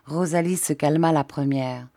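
A woman reading a classic novel aloud as an audiobook narrator, measured and even. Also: deep voice, no room sound, studio quality. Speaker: audiobook reader.

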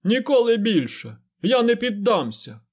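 A man voicing a grimy, shifty male beggar who whines and shouts. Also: sits high, lively intonation, brisk, voice pushed up. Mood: shouting. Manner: whining, then shouting and oily-smooth.

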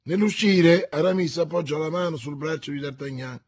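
A man narrating a classic novel in a measured, deliberate audiobook reading. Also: fairly high pitch, a little mellow, husky.

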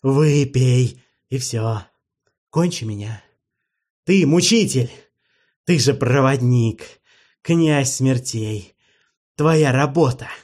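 A man's voice: medium pitch, slow, pauses often. A man doing an anguished necromancer king. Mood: pleading, frantic. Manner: loud, pleading, anguished outbursts. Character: despairing male necromancer king, raw, self-loathing.

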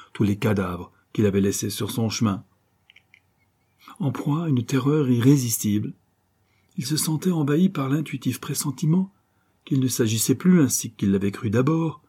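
A man's voice: medium pitch, dark tone, breathy edge. A man narrating a novel in a dramatic, suspenseful reading style. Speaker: audiobook narrator.

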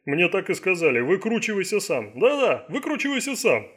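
A man's voice: on the high side, expressive, normal speed, husky. A man doing a fed-up sarcastic FBI agent. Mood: scornful. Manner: exasperated, mocking.

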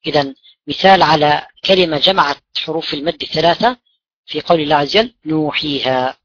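A religion teacher gives a classroom lesson on the rules of Quran recitation, posing questions to his students and then answering them himself. His voice is on the high side, fairly quick and fairly bright, captured without echo on lo-fi audio.

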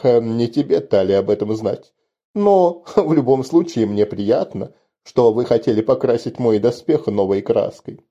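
A man's voice: medium pitch, warm tone. A man voicing a spider-like armored lord who hisses and draws out his words. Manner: hissing, drawn-out words. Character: spider-like armored male lord, old and menacing. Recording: dull lo-fi recording.

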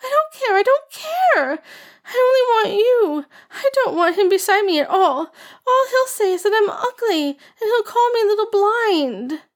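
Ah Ching, a shrill tearful girl. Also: fairly even intonation, moderate pace. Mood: whiny, wailing. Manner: high, pleading and whiny, often sobbing. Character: tearful young girl, shrill and stubbornly demanding. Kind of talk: audiobook character voice.

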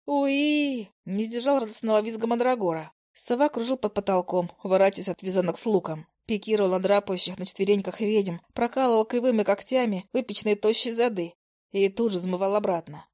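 A woman narrates a first-person fantasy audiobook at a mid pitch, reading briskly and expressively. Her voice carries the action lively and clear, with steady storytelling energy.

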